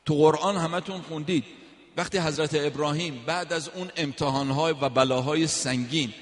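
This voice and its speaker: A man's voice: a little high, fairly even intonation, long reverb tail. A man from Iran giving a sermon, telling stories in a conversational way and quoting verses. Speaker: preacher.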